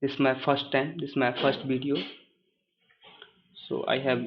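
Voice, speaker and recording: A man with a thick Hindi accent gives an informal lesson in hesitant, halting English, often repeating words and phrases. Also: mid-range voice, little pitch movement, muffled recording. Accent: thick Indian (Hindi). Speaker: first-time tutorial presenter.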